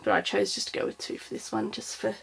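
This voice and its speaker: A woman's voice: medium pitch, very animated, fast talker, fairly bright tone. A woman presenting an informal craft demonstration, thinking aloud as she goes. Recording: clear background noise, clicks.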